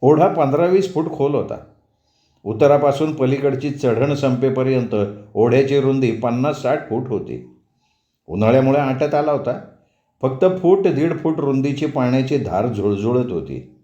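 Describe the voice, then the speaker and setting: A man narrating a rural story as an audiobook reader, in a measured, unhurried storytelling manner. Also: medium pitch, expressive, warm tone. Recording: dull, roomy recording.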